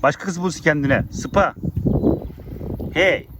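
A man's voice: fairly high pitch, takes it slowly, background noise. A man talking outdoors to his farm animals, coaxing and scolding them fondly. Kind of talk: affectionate teasing talk to animals, vlog.

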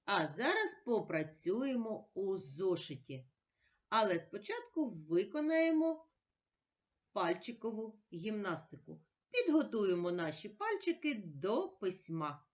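A woman teaching a recorded primary-school lesson at an unhurried, careful pace. She pronounces each sound separately, asks a question and then gives the answer herself. Her pitch rises and falls a lot as she speaks to the children. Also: big pitch swings. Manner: deliberate, spells out sounds one by one.

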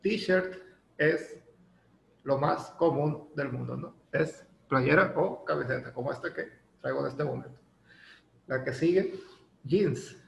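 A man's voice: mid-range voice, takes it slowly, gravelly. A man with a Mexican Spanish accent teaching an English lesson in a chatty way, using lots of fillers and tag questions. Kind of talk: casual classroom lesson. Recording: echoey room with faint ambient noise.

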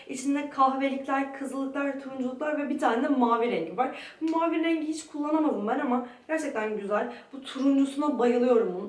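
A woman's voice: fairly high pitch, darkish tone. A young woman giving a chatty, detailed beauty product review, her voice ringing with strong echo in a small room at a friend's home. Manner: chatty, detailed, describing items up close. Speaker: beauty vlogger. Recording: echoey room, voice from a distance.

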